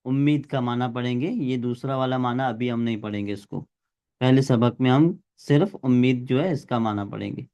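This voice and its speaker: A man's voice: medium pitch, moderate pace, mellow, clean tone. A male teacher giving a classroom grammar lesson, explaining step by step and quizzing his students.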